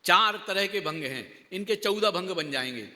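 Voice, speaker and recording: Bright high-voiced man teaching in a reverberant hall. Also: expressive, moderate pace. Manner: asks the listeners rhetorical questions, repeats key words for emphasis. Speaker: Jain teacher. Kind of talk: religious discourse to a class.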